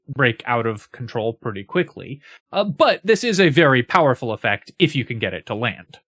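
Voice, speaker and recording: A man's voice: medium pitch, fairly bright tone, no echo, clean studio sound. A man giving a casual, analytical spoken breakdown for a game guide, talking steadily with frequent fillers.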